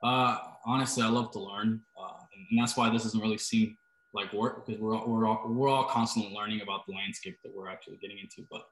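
A man's voice: on the low side, fairly even intonation, fast talker, a bit bright. A man from Costa Rica, a startup founder, answering interview questions hesitantly, with many fillers. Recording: roomy, echoey sound.

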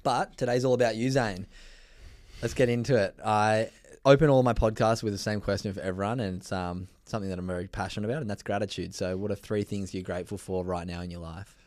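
An upbeat man hosts a casual podcast interview, chatty and friendly in tone. His voice sits fairly low. The sound is dry and close, with no room echo. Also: steady tone, fast, a little mellow. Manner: upbeat, chatty, says mate a lot. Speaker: podcast host. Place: indoors, travelling in New Zealand.

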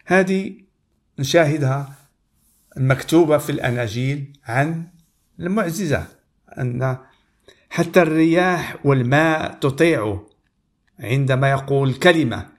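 Guy reading bible stories slow and careful, kinda higher voice, sermon vibe. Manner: measured, deliberate reading with pauses. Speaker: preacher.

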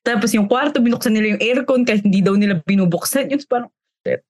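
A woman's voice: mid-range voice, quick pace, a little hiss or hum. A young woman co-hosting a podcast, telling a story in casual chat, mixing Tagalog and English and laughing as she goes. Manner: animated, laughs while telling stories, mixes Tagalog and English. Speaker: podcast co-host.

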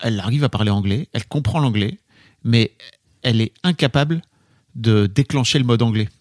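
A man's voice: mid-range voice, a little fast, darkish tone, no echo, clean studio sound. A man co-hosting a podcast in casual chat, telling anecdotes with animation. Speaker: podcast co-host.

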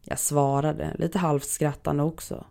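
A narrator reading listener-submitted horror stories aloud in a measured, even storytelling manner. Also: mid-range voice, vocal fry. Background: faint background music.

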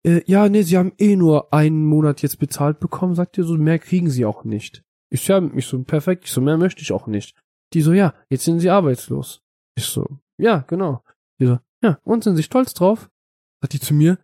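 A man telling a rambling story on a casual podcast, his voice sitting a little higher than most men's. He fills the tale with fillers and plays both sides of the conversation himself. The sound is close and dry. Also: a little fast, warm tone, dry recording. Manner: rambling anecdote with many fillers, acting out both sides of a dialogue. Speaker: podcast co-host. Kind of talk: casual chat.

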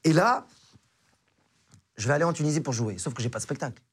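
A young man from Morocco, a comedian guest, telling a story in a casual, animated way and acting out the dialogue. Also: fairly high pitch, a little fast, slight background noise.

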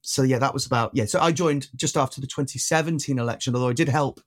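Speaking quickly in a mid-range voice, this twenties-aged activist from Wales has a slight Welsh accent. As a guest in a casual interview, he rambles along with plenty of fillers and restarts.

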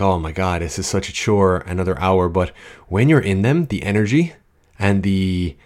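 Talking informally into a good studio podcast mic, a man with a lowish, somewhat mellow voice hosts his solo show as a coach. He starts from a scripted opening, then chats directly with his audience and drifts off on tangents.

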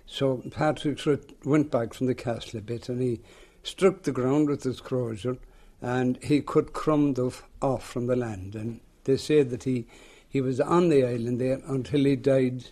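An elderly man with a rural western Irish accent tells a tale aloud in a lilting, unhurried storyteller's way. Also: mid-range voice, fairly even intonation, mellow. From rural west of Ireland. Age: older, seventies or above. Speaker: local folklore teller. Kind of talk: oral storytelling in an interview.

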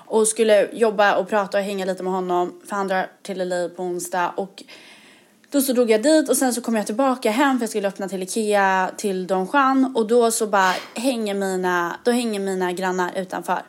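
A young woman, co-hosting a podcast in a lively, chatty way and mixing English words into her speech. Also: mid-range voice. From Sweden. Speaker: podcast co-host. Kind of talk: casual chat.

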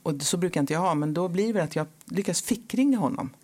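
A woman, a guest in a casual interview, telling stories in an animated way and acting out quotes. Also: on the low side, slightly rough. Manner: animated storyteller, acts out quotes.

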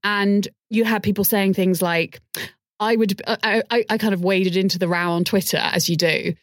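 A woman talking as a podcast guest in casual chat, animated and self-deprecating, often restarting her sentences. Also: mid-range voice, moderate pace, no room sound, studio quality.

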